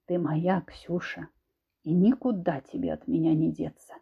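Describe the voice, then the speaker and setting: A woman voicing a cruel, controlling husband who speaks low and slow with quiet, insinuating menace, in a dull lo-fi recording. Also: fairly even intonation, vocal fry, slightly rough, full character voice. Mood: menacing.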